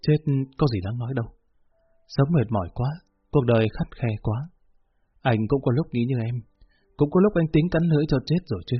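A soft-spoken young man gently and earnestly comforts a friend , as read by a male narrator. The voice is husky and dry. The audiobook recording is muffled, with faint music in the background. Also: medium pitch, fairly quick, no room sound, natural voice. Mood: gentle, earnest.

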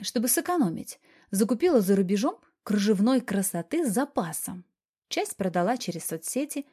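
A woman's voice: mid-range voice, warm tone, husky. A woman narrating an audiobook in the first person, reading expressively and lightly voicing the dialogue.

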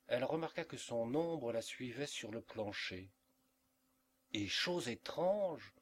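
A man reading a literary story aloud as an audiobook narrator, in a measured, expressive way. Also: medium pitch, slight background noise. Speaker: audiobook reader. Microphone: home recording for an audiobook.

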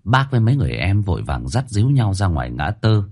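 A man tells a dramatic story with expressive emotion. His voice is husky and lowish, and it rises and falls widely. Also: fast talker.

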